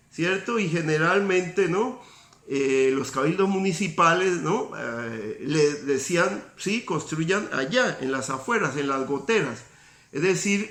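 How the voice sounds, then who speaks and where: A man giving a recorded university lecture, measured, pausing on fillers and tag questions. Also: fairly high pitch, fairly bright tone. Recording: roomy echoey recording.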